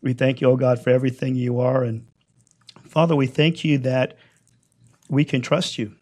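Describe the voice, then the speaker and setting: A man leading prayer and preaching a sermon, his voice hoarse while it recovers, given to emphatic repetition. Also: medium pitch, fairly even intonation, normal speed, darkish tone. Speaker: congregation leader.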